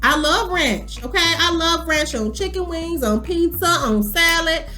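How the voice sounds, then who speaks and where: A woman in her thirties chatting casually to camera as a vlogger, animated and full of ums. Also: extremely high pitch, a little slow. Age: 30s.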